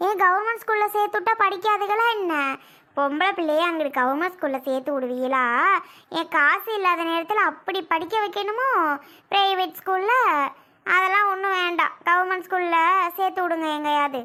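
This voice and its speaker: A bright, piercing voice carries this sarcastic aunt by marriage, played by a woman, who is quick to accuse in a family drama skit. She is high-pitched and cutting. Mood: indignant. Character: sharp-tongued scolding aunt by marriage.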